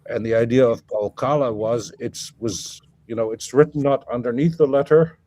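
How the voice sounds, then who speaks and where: A scholarly guest lectures in an academic conversation, working through ideas aloud with many fillers, self-corrections, and restarts. His mid-range voice is warm and moderately paced, with a little hiss or hum in the audio.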